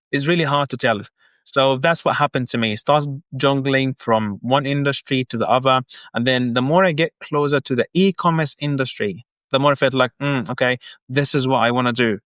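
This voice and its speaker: A man's voice: medium pitch, fairly bright tone, no echo. A man from Egypt in his thirties, a guest on a business podcast, explaining his work earnestly step by step. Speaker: guest, marketing agency founder. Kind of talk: casual podcast interview.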